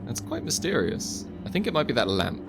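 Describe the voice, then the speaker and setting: This gaming host's medium-pitched voice swings widely in pitch and runs a little fast, against heavy background noise. A young man playing a VR game, he keeps up casual, joking let's-play chatter with wry remarks aimed at the viewer.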